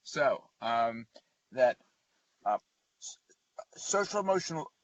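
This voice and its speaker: A man's voice: mid-range voice, very animated, takes it slowly, far from the mic, dull audio. A man presenting in a webinar over a video call, his speech breaking into fragments as the corrupted audio keeps cutting out. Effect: corrupted audio cutting out in glitches.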